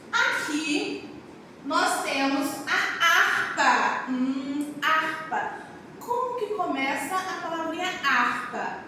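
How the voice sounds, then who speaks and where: Woman teacher, very high voice, talks slowly to young kids, heard from a distance. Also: slight background noise. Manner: animated, sing-song, speaking to young children. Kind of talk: children's lesson. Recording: very echoey room, far from the mic.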